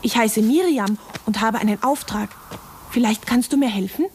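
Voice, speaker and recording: A woman voicing a brave, curious young girl in a puppet play, eager and gently coaxing. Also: fairly high pitch, moderate pace, a little hiss or hum, natural voice.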